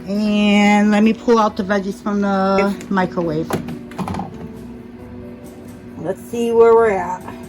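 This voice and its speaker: A woman's voice: mid-range voice, fairly even intonation, slow, long pauses, a little mellow, faint music behind, low-quality recording. A woman with a mild speech impediment, chatting casually as she narrates her cooking in a home kitchen, thinking aloud and correcting herself as she goes. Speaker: cooking vlogger.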